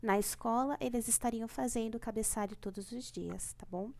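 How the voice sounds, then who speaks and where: A woman's voice: fairly high pitch, normal speed, gravelly, a little mellow. Patient Brazilian woman teaching children. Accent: Brazilian Portuguese. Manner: patient, repeats "tá bom?" and stretches out key words. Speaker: primary school teacher. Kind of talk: remote class lesson.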